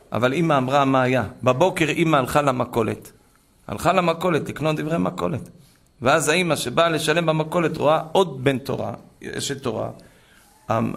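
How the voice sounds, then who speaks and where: A man preaching a sermon through stories, talking emphatically and building to impassioned shouts. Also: fairly high pitch, gravelly. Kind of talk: sermon storytelling.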